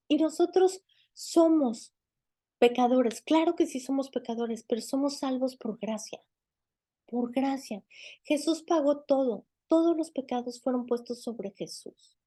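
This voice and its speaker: A woman's voice: sits high, mellow. A woman teaching a Bible lesson in a conversational way, often putting questions to the listener. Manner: conversational, asks the listener questions, frequent fillers. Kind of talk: teaching sermon.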